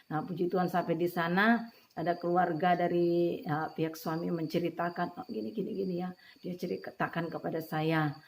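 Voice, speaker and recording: A woman's voice: lowish voice, fairly even intonation, moderate pace, creaky. Woman giving an emotional church testimony. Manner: emotional retelling with frequent "ya" and "puji Tuhan"; addresses listeners as beloved brothers and sisters. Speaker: testimony speaker.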